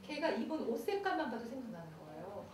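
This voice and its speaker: A middle-aged pastor's wife giving a playful, confiding church camp lecture on dating in a large hall. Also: female voice, a little high, big pitch swings, quick pace, a little mellow. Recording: echoey hall, far mic, noisy.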